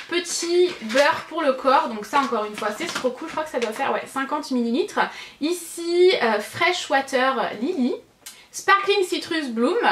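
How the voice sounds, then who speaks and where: A woman with a high voice chats through a beauty haul, gushing over every box and filling gaps with little hesitations. She corrects herself often and keeps it casual. The room around her rings with echo. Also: fairly bright tone, a little hiss or hum. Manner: chatty, gushing, many fillers and self-corrections. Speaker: beauty vlogger. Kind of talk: casual product review.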